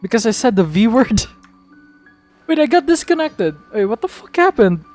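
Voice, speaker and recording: A man streaming a game, chatting casually and excitably, swearing freely as he talks to his viewers. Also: extremely high pitch, normal speed, soft background music. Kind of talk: casual live-stream chat.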